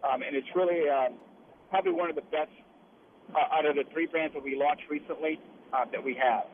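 A man's voice: fairly high pitch, fairly even intonation, fairly quick. A man chatting casually as a radio guest, calling in from inside a truck cab as it travels. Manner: speaking from inside a truck cab while riding. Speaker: guest, liquor brand representative. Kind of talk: casual radio interview by phone. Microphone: phone call. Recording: tinny phone line with clear noise. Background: truck cab noise.

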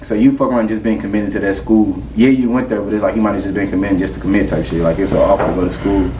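A man's voice: fairly low pitch, steady tone, fast. A man in his twenties from the United States in casual, slangy, profane group conversation. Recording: roomy, distant from mic, faint noise.

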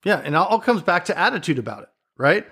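A man's voice: high voice, very animated, fast talker, sharp tone, breathy edge. A middle-aged man in a casual chat who tells stories with energy, acts out other people's reactions and swears casually.

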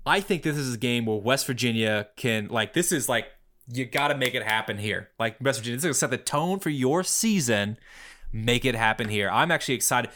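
A man co-hosting a casual sports podcast, excitable, laughing a lot and saying "like" often. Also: medium pitch, a little fast. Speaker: podcast co-host.

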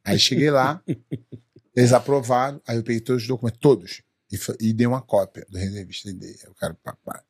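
A man's voice: medium pitch, steady tone, fast talker, slightly rough, no echo, studio quality. A Brazilian man with a Brazilian Portuguese accent, co-hosting a casual talk show and telling a wry, laid-back story. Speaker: podcast co-host.

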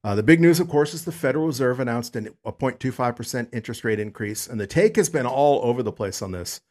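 A man's voice: expressive, quick pace, darkish tone. A man hosting a solo podcast, talking in a rambling, chatty way with lots of fillers. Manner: rambling and chatty, many fillers, pitch jumps up on greetings. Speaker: podcast host.

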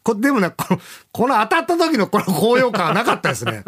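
A man's voice: high-pitched, big pitch swings, fast talker, a crowd in the background. A man hosting a radio after-talk, chatting casually and rambling with laughs between lines. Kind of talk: casual chat.

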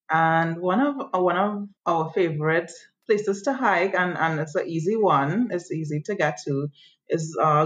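Trinidadian lady on a podcast, slow and kinda hesitant, low voice, muffled call audio. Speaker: guest. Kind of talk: casual interview chat. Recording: dull lo-fi call with faint noise.

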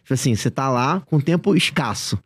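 Male host, quick and lively speech, dry close sound. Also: medium pitch, husky, no echo. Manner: eager, asks lots of questions. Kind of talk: casual chat.

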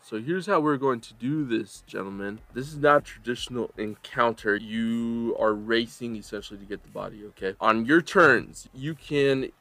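A man narrating a tabletop role-playing game as game master, telling the scene dramatically with pauses between phrases. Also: medium pitch, fairly bright tone.

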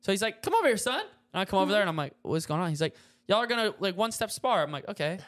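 A man's voice: high-pitched, racing. A young man co-hosting a podcast, telling a story in a casual chat and acting out the other people's lines. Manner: animated storyteller, acts out voices and shouts in quotes. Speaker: podcast co-host.

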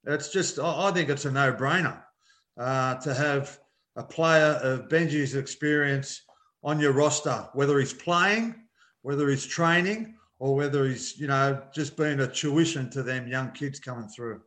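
A man's voice: mid-range voice, a little slow, a bit bright. A man with an Australian accent co-hosting a podcast in casual sports chat. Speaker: podcast co-host.

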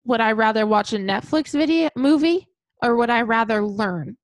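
A woman co-hosting a business podcast in a casual chat, talking in a chatty way with lots of fillers and quick acted-out asides. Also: fairly high pitch, expressive, dry recording. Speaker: podcast co-host.

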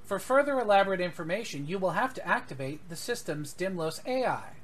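A game master voicing a calm male ship computer intelligence that speaks in clipped, formal, machine-like phrasing. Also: medium pitch, brisk, a little hiss or hum, pitched above the performer's own voice, natural voice.

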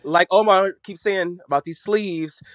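A man's voice: high voice, unhurried, a bit bright. A man hosting a casual podcast, bantering in a sassy, campy, teasing way with drag slang. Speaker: podcast host. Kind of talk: casual reality-show banter.

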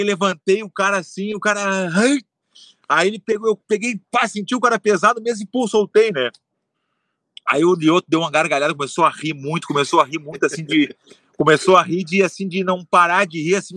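A man telling a long story in casual chat, animated and swearing, acting out what others said. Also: fairly high pitch, dry recording, clean studio sound. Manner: animated, swearing, acts out quotes. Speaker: storyteller guest.

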